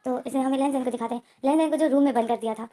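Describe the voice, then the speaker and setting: A woman's voice: high-pitched, racing, mellow. A woman narrating a story recap in a run-on retelling style, repeating names often.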